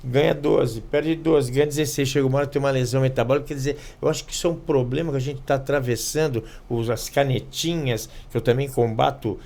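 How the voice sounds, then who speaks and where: Guy hosting a podcast, mid-pitch voice, keeps restarting words and tacking on little questions. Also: vocal fry, a little mellow. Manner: halting, restarts words, leans on tag questions. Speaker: podcast host and physiologist. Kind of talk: casual podcast interview.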